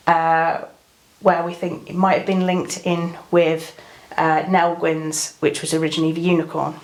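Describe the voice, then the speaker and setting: Fairly low-voiced English woman, explaining informally. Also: rough recording. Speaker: tattoo artist giving an interview.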